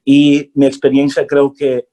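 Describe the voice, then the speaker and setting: A man's voice: mid-range voice, completely flat delivery, a little slow, dark tone. A man from Brooklyn who introduces himself on a video call, laughing and dropping English fillers into his talk. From Brooklyn, New York, USA. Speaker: media director for a religious order.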